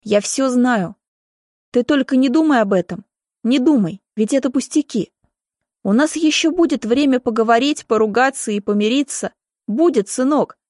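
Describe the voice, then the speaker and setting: Anxious middle-aged mother played by a woman reader, emotional, pleading, raised pitch, audiobook. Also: normal speed, darkish tone, dry recording, studio quality, close to an everyday voice. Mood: tender. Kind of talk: audiobook reading.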